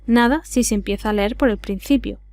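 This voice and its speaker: A woman's voice: on the high side, fairly quick, a little mellow, dry recording, natural voice. A woman with an Andalusian accent voicing an earnest, anxious young nephew in an audiobook, hesitant yet insistent. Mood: urgent.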